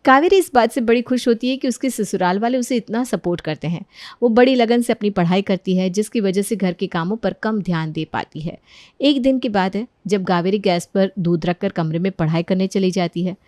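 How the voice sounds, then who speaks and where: A woman narrating a children's cartoon story in a clear storytelling manner. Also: medium pitch, fairly quick, darkish tone, no room sound, studio quality.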